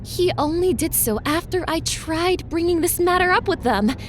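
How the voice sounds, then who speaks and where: Woman playing worried posh wife in noir audio drama, high swoopy voice, earnest n formal, noisy background. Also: lively intonation, normal speed. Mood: distressed, insistent. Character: anxious, proper, well-off wife of missing husband. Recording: clearly noisy background ambience.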